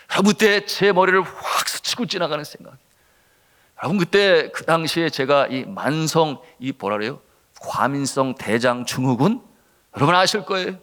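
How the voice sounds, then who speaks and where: A middle-aged man, a senior pastor, preaching a sermon with a personal testimony, speaking to the congregation directly and moving between loud urgency and hushed tones. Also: medium pitch, creaky. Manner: impassioned, swinging from loud to hushed, addresses the congregation.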